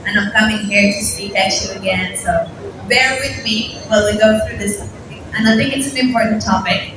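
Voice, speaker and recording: A young Moroccan woman gives a casual, self-deprecating talk to a conference audience in a large hall. Her voice is medium-pitched and brisk. The recording is noisy and echoey, picked up from far off.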